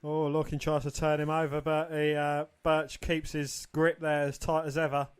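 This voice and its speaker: Male podcast co-host, slightly high voice, steady play-by-play commentary. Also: moderate pace, clear, resonant tone. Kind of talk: wrestling commentary.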